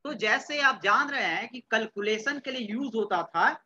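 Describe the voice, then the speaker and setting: Here a man lectures his computer science class at a moderate pace, firing questions and repeating students' answers in Hindi mixed with English terms. He is from Bihar, India, and his very high voice is bright and forward. The sound is dull and lo-fi.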